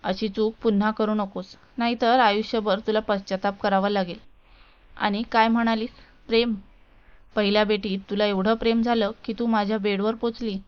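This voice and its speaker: A woman reading the part of an arrogant, dismissive rich young businessman in a storybook tale, with a smooth voice on a dull lo-fi recording. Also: medium pitch, flat delivery, moderate pace, natural voice. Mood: scornful. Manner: cold, dismissive, mocking.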